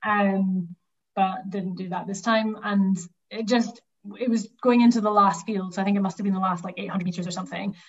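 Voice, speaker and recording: A woman from the Highlands of Scotland with a Highland Scottish accent, chatting casually as a runner in an interview and thinking aloud. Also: fairly even intonation, brisk, muffled recording. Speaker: cross country runner being interviewed.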